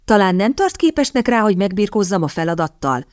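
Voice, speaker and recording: A sharp-tongued young lady, as a woman reader voices her. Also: mid-range voice, very animated, no echo, clean studio sound, natural voice. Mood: playful. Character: quick-witted young woman hunting a rich husband.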